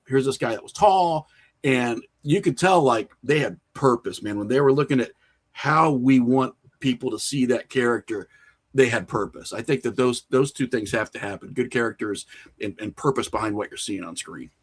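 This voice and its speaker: This podcast guest, a horror filmmaker, talks casually in an interview with a medium-pitched voice at a normal speed. He explains his views animatedly in loose, slangy speech, dropping "you know" and "like" often along with other filler phrases.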